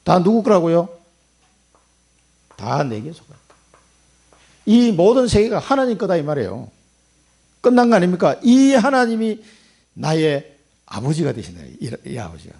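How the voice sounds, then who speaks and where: Gravelly, animated Korean pastor preaching. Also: male voice, sits high, moderate pace, pauses often. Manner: dramatic preaching, acting out quoted voices, big swings from loud to hushed. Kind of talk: sermon.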